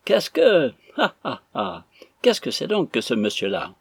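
A man voicing a boisterous, impatient male stranger who talks loudly and theatrically. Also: mid-range voice, sing-song, measured pace, husky, no room sound, heavily acted. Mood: swaggering. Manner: loud, mocking, theatrical.

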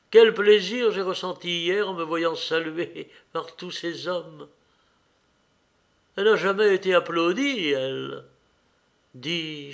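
A man's voice: a little high, fairly bright tone, pitched above the performer's own voice. A man raising his voice to play an ecstatic young woman in love. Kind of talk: audiobook character reading.

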